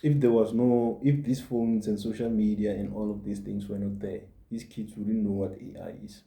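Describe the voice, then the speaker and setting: A man in his forties speaks as a podcast host in an earnest motivational monologue, going back over his points to drive them home. His voice is very dark and fairly low. The room around him echoes. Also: fairly even intonation, normal speed, creaky. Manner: earnest, repeats points for emphasis. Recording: roomy echo.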